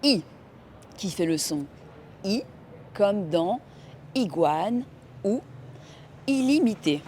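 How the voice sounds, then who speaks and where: A woman in a mid-range voice speaks with extremely slow, clear diction, modelling each word for learners. A faint hiss sits under her voice. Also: medium pitch, expressive, darkish tone. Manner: clear, careful enunciation. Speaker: French teacher. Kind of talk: slow scripted pronunciation lesson.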